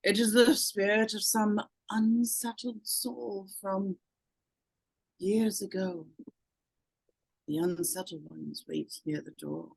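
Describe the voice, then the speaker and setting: Woman as a creaky, slow-speaking séance medium. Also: medium pitch, steady tone, no echo, exaggerated voice, low-quality recording. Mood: solemn, eerie. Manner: slow, commanding incantation. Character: solemn female spirit medium holding a séance. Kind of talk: dramatic horror script reading.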